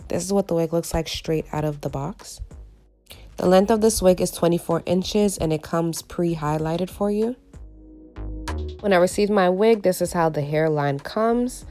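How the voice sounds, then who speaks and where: Female beauty vlogger, low and gravelly, raspy from a cold, tutorial narration over background music. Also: normal speed, mellow. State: recovering from a cold.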